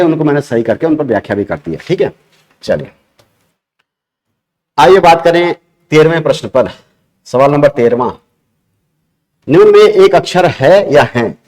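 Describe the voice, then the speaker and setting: A man's voice: fairly high pitch, a little mellow. Man explaining grammar step by step, repeating himself. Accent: Uttarakhand. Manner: explains step by step, repeating key terms and asking questions to the class. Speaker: teacher. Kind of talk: exam-prep grammar lesson.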